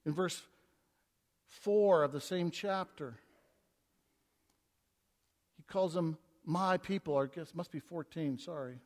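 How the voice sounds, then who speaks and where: A man preaching an expository sermon, reading scripture aloud and swinging between hushed and emphatic delivery, with stumbling restarts. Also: a little high, slow pace, pauses often. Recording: long reverb of a large hall.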